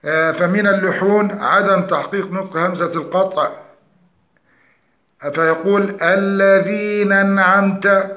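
A man teaching Quran recitation, explaining pronunciation errors and demonstrating the correct forms. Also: sits high. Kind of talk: tajweed lesson. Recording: echoey dull lo-fi room.

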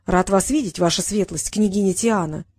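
A woman's voice: mid-range voice, moderate pace, a little mellow, husky, no room sound, studio quality, lightly acted. A woman reading the lines of a resentful, indignant teenage boy. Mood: stiffly polite.

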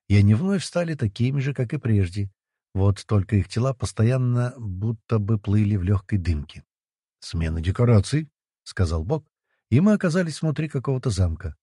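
A man's voice: fairly low pitch, warm tone, husky, dry recording, studio quality. A man narrating an audiobook.

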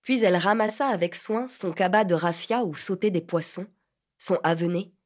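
A woman narrating an audiobook of a literary novel in a measured, expressive reading. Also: on the low side.

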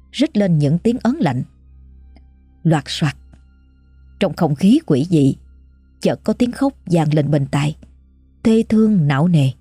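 A woman narrating a scripted ghost story with a measured, suspenseful delivery. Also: low voice, mellow, slightly rough, dry recording.

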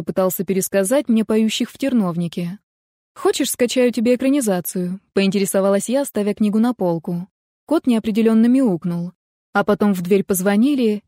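A woman's voice: medium pitch, dark tone, no echo, studio quality. Wry woman narrating an audiobook. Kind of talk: first-person audiobook narration.

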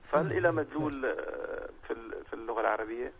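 Guy calling in over the phone, raspy and rushed, lots of umms. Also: mid-range voice. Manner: hesitant, halting with fillers, recites verses. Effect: heard over a phone line. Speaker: caller. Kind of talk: phone-in question to a TV program. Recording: tinny phone line.

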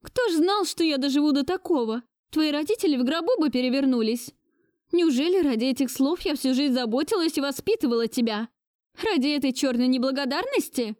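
A domineering elderly grandmother, imperious and shrill, acted by a woman reading an audiobook. Her voice sits high and cutting, recorded dry and close with no room around it. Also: expressive, normal speed, darkish tone, dry recording. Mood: furious.

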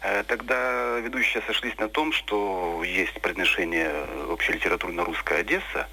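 A man calls a radio show and speaks politely with pauses. His voice is low and husky. The phone line sounds thin and very sharp. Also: steady tone. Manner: polite, hesitant. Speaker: caller.

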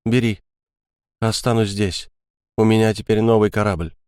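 A man's voice: fairly low pitch, steady tone, moderate pace, a little mellow, clear, resonant tone, no echo, clean studio sound, close to an everyday voice. A man voicing an agitated young man, torn between fear and anger, who snaps and pushes through his words. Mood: resolute. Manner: agitated, snapping. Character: agitated young male friend, scared and angry.

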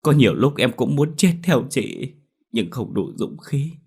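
A man's voice: mid-range voice, big pitch swings, a little slow, a little mellow, breathy edge, voice pushed up, heavily acted. A man voicing a guilty, resentful younger sister who speaks hesitantly. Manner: hesitant, then pleading.

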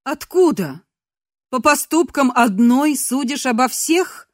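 A woman's voice: high-pitched, animated, slow, no room sound, voice pushed up. Woman reader as a young captive, coaxing and soothing, close dry read. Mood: probing. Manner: soft coaxing, cooing tones.

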